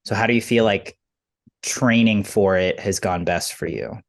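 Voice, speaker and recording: A woman's voice: extremely low pitch, normal speed. A woman interviewing an athlete, asking loose, self-correcting questions in a casual way.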